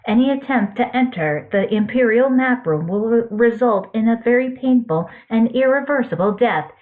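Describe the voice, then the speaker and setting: A stern computer security voice booms out formal warnings over a facility loudspeaker, as a woman puts it on. The tone is fairly high and the sound is tinny and thin, like it comes down a phone line. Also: lively intonation, normal speed. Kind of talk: fan story reading.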